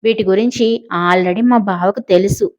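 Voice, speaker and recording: A woman's voice: medium pitch, fairly even intonation, darkish tone, dull audio, close to an everyday voice. Woman putting on a scheming, mocking young woman. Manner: boastful, mocking, quick to anger.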